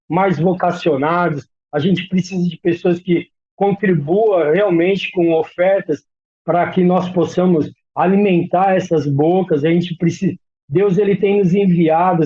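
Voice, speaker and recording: A man's voice: high voice, dark tone, breathy edge, highs cut off. A man speaking as a missionary guest in an interview, giving an earnest, testimony-like account. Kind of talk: interview talk.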